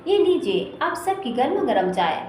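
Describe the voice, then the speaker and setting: A woman's voice: sits high, sing-song, normal speed, darkish tone. A woman voicing a cheerful, playful young college girl who talks eagerly. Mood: lively. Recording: echoey room with faint noise.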